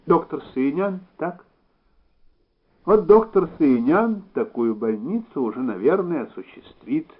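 A man voicing a weighty older male Soviet official who talks slowly, deliberately and in a folksy way, on a slightly dull recording. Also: on the high side, animated, breathy edge, voice pushed up. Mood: wistful.

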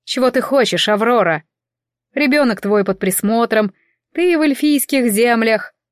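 A woman's voice: fairly high pitch, lively intonation, measured pace, no room sound, studio quality. A woman voicing a tall, stern noble elf woman who questions people in a commanding, faintly amused way. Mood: stern, arch. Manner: stern and imperious, with an arch, amused edge.

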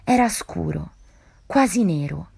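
A woman reads a short story aloud in a measured, storytelling manner. Her voice is on the low side. The recording is dry and close, with no room sound. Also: lively intonation, vocal fry, mellow, husky, no echo. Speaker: reader.

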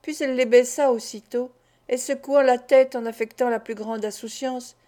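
A woman reads a classic novel aloud in a calm, measured way. Her voice sits fairly high but sounds soft and mellow. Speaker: audiobook reader. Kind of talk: novel narration.

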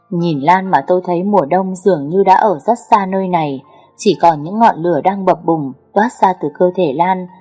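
A woman narrating a first-person story, reading slowly with a melancholy tone. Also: on the low side, mellow, slightly rough.

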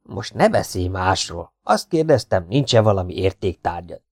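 A fat, rude scorpion charmer who scolds and brags in an unhurried, low voice, as a male audiobook reader puts him on. He sounds sly and self-satisfied. The recording is close and dry. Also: very animated, darkish tone, no room sound, heavily acted. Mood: demanding. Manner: blunt, scolding, slow and cocky. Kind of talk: audiobook character voice.

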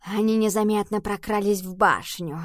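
A woman's voice: normal speed, dry recording, studio quality, natural voice. A woman doing a hissing, tense she-cat. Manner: hissing, low. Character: tense female cat guarding a room.

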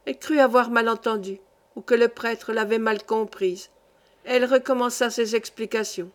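Steady woman reading a classic novel. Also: a little high, normal speed. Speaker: audiobook reader. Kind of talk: literary audiobook narration.

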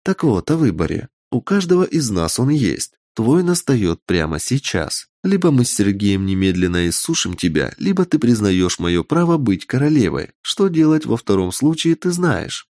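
A man's voice: mid-range voice, very animated, moderate pace, hardly any pauses, darkish tone, no echo, studio quality. A man voicing an imperious, ambitious witch who speaks coldly and commandingly, in a raised voice. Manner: cold, commanding, menacing.

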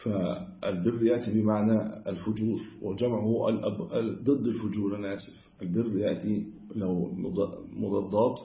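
A man giving a religious lesson on hadith, explaining in a measured way and correcting himself mid-word. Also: fairly low pitch, steady tone. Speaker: Islamic scholar teaching hadith. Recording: echoey room, dull lo-fi sound.

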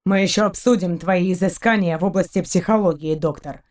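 Audiobook: woman reader doing a brash grumbling male space captain, curt and gruff. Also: fairly low pitch, a little fast, a little mellow, natural voice.

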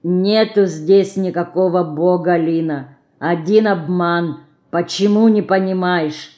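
A woman's voice: lowish voice, slow, mellow. A woman voicing a kind, flustered man who speaks in simple, broken phrases. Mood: fretful soothing.

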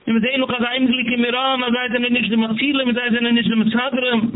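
A man giving a rabbi's sermon lecture, chanting in repetitive, drawn-out phrases. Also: very high voice, little pitch movement. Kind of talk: Yiddish-laced sermon lecture. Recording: tinny phone-line audio with hiss.

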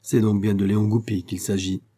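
A man's voice: mid-range voice, moderate pace, dark tone, voice pushed up, close to an everyday voice. A man voicing a proud, spoiled young heiress in an audiobook, speaking in an imperious, scornful way. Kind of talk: audiobook character reading.

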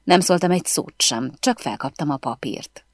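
A woman reading a first-person novel aloud as an audiobook narrator, with an expressive storytelling delivery. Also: low voice, no room sound, clean studio sound.

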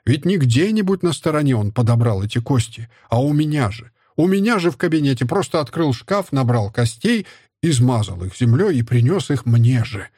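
A bitter middle-aged scholar full of disgust and self-contempt, played by a male reader. His voice is husky and mid-pitched, and the dry, close sound gives every outburst an edge. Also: big pitch swings, normal speed, a little mellow, dry recording. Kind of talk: audiobook character voice.

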